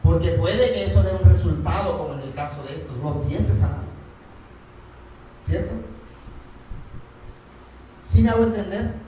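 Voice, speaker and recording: Pastor preaching in echoey hall. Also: male voice, high voice, normal speed, long pauses, warm tone, a little hiss or hum. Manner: asks the congregation rhetorical questions. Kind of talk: sermon. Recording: echoey church hall from far off.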